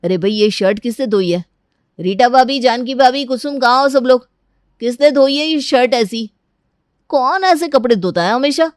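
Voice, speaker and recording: A loud, complaining young brother-in-law from a cartoon story, as a woman puts him on. He calls out in a raised voice, fairly high. The recording is dry. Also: normal speed, dry recording, natural voice. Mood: annoyed. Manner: shouting complaints.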